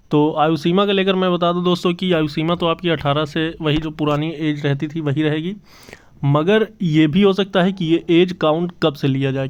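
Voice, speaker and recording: A man hosts his channel's job exam news update, speaking earnestly to camera in a casual style, repeating himself with many fillers. His voice is a little high and clean, though the lo-fi audio is slightly dull.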